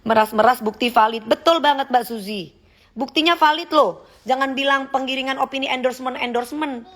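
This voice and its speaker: A woman's voice: high-pitched, fairly quick, fairly bright tone. A woman, hosting a phone livestream, reading comments aloud and teasing her critics in a sassy, confrontational way. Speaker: livestream host.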